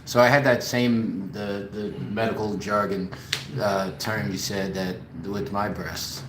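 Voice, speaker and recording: A man's voice: on the low side, fairly even intonation, a little slow, noisy background. A man in casual chat who stammers and repeats words as he tells his own stories. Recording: echoey room.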